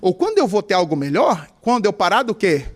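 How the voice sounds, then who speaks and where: A male pastor with a Mato Grosso Brazilian Portuguese accent preaching a sermon, questioning the congregation and acting out voices of people in tearful, high tones. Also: wildly swooping pitch, fairly quick.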